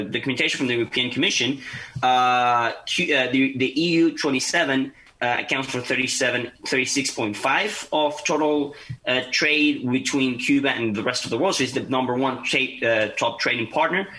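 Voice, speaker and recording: Bright-voiced young Venezuelan man. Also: mid-range voice, rough recording. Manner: earnest, many fillers and restarts. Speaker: guest. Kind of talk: podcast interview.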